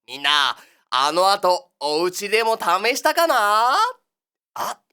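A woman's voice: medium pitch, big pitch swings, takes it slowly, pushed and bright, smooth, heavily acted. A woman playing the cheery big-brother host of a children's exercise show, talking in a sing-song, coaxing patter in a comic monologue.

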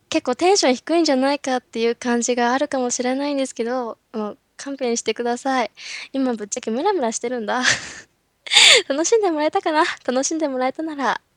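A woman's voice: high voice, no echo, clean studio sound. A woman, a voice actress, hosting a casual solo cast talk, playful and chatty with frequent giggles.

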